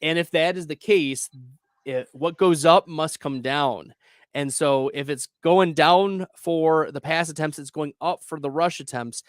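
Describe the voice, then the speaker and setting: A man's voice: a little high, a little slow, dry recording, studio quality. Chatty man giving fantasy football picks. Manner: chatty, upbeat, laughs easily. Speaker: fantasy football show host. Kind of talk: casual sports advice chat.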